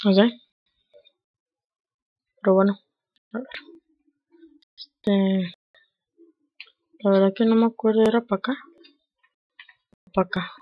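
A man with a Mexican accent giving casual gameplay commentary over a headset, muttering quietly to himself in slang with sudden excited outbursts. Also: high-pitched, slow, pauses often, no echo, muffled recording. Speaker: gamer.

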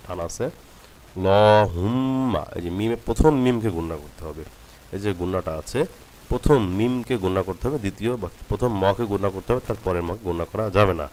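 A man teaching Quran recitation. He reads phrases slowly and drawn out, then explains the rules quickly. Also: low-pitched, a little hiss or hum. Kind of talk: tajweed lesson.

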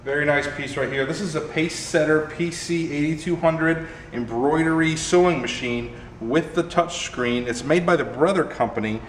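A man's voice: a little high, normal speed, hardly any pauses, slight background noise. A young man hosting an auction preview, walking through a warehouse showroom and presenting items one by one in an upbeat way. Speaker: auction host. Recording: echoey warehouse room, faint ambience.

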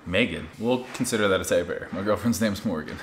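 A man's voice: low-pitched, fast. A man, joking casually while co-hosting and reading out questions. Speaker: co-host reading viewer questions. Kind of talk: casual, joking couple chat. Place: large open-plan living room and kitchen, indoors. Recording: roomy, echoey, noisy home recording.

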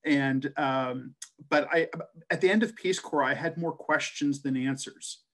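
A middle-aged man from the American West, a translator and scholar, gives a personal presentation into his webcam on a video call. His voice is a little high and a bit bright, at a measured pace. He tells it in an earnest, storytelling way, with many "uh" fillers and restarts.

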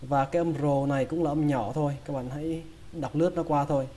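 Speaking with a Vietnamese accent in a mellow, soft, slightly high voice, a man slowly teaches English pronunciation. He splits each word into sounds and says it again and again in a steady tone, with slight background noise.

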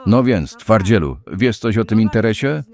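A man's voice: lowish voice, lively intonation, normal speed, a little mellow. A man reading as a distrustful female drug boss. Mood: businesslike. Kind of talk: Polish voice-over reading of game scenes.

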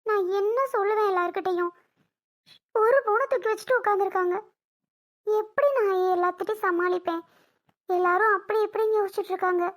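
Woman doing a very high-voiced young mom from a family drama skit, emotional and repetitive. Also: steady tone, a little fast, long pauses. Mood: bitter, aggrieved. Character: anxious young mother wronged by her brother's family.

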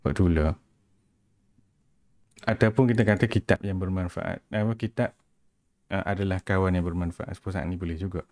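A man's voice: low voice, steady tone, moderate pace, pauses often, a little mellow, no echo, studio quality. A man with a Kelantanese Malay accent, teaching grammar in an informal, interactive tutoring style. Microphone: headset.

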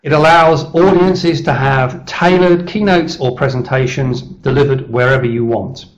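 A middle-aged man giving a persuasive business presentation over slides on a webcam call, steady and measured with small restarts. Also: mid-range voice, dull audio. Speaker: leadership speaker presenting his service. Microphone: webcam video call.

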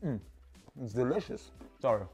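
Loud music plays behind a very animated, mid-range male voice speaking at normal speed. The speaker, a Swedish-accented cooking video host in his thirties, chats cheerfully on a lapel mic while preparing food in a home kitchen with an open garden door during a casual demonstration.

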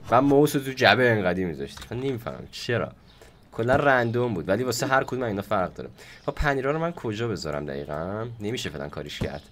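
A hoarse man giving casual gameplay commentary as a gaming YouTuber host, playful and chatty with his viewers. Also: on the low side, slight background noise. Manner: playful, chatty, talks to viewers while playing.

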